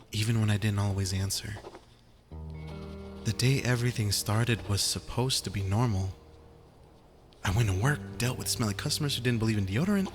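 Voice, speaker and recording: Young male apocalypse survivor, acted by a man: lowish voice, weary, wry, confiding journal delivery, clear music underneath. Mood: wry, reflective. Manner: hesitant, confiding, informal. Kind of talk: first-person audio journal drama.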